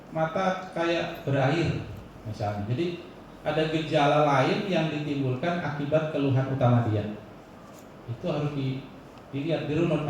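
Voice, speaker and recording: A man's voice: on the high side, darkish tone, slight background noise. A man teaching a class, explaining by example and asking and answering his own questions. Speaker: instructor. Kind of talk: classroom lecture. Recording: echoey room, voice from far off.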